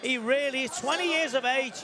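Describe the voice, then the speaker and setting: A man giving excited live kickboxing commentary in short, punchy, repeated phrases. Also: very high-pitched, a little fast. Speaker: fight commentator. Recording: loud arena crowd and music behind. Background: crowd and music.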